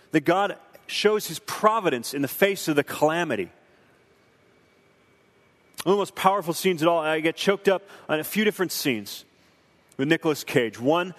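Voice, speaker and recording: Earnest young man in a reverberant hall. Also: on the high side. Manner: earnest, preacherly, emotional. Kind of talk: reflective film commentary.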